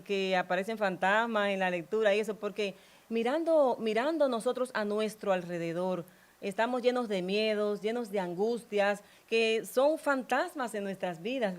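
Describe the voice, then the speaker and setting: A woman hosting a religious program, reading scripture aloud in a slow, devotional way and then asking the priest about it. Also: mid-range voice. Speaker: host.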